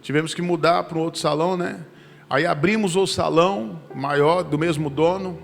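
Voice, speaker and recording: A man's voice: a little high, steady tone, normal speed, vocal fry. A male pastor telling a personal testimony to his congregation in a conversational sermon. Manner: conversational storytelling, addressing the congregation. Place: church sanctuary. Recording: church reverb with instrumental music.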